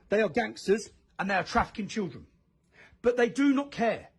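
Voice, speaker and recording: Husky man giving emphatic commentary. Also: high-pitched. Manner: accusing, emphatic. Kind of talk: video commentary over photos.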